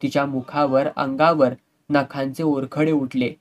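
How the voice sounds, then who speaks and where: A man reading a novel aloud in steady, dramatic audiobook narration. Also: mid-range voice, unhurried.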